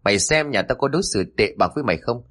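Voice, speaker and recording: A man's voice: lowish voice, a bit bright, husky. A man playing a furious older father. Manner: harsh, rapid scolding.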